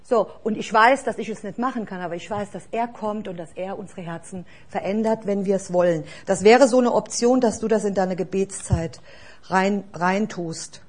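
A woman's voice: medium pitch, normal speed, darkish tone. A woman preaching a sermon in an earnest, exhorting way, asking the listeners direct questions.

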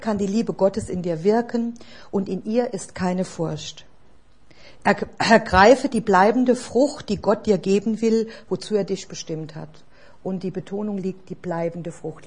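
A woman's voice: lowish voice, fairly even intonation, moderate pace, warm tone, slightly rough. A woman preaching a sermon in an earnest, exhorting way, asking the listeners direct questions.

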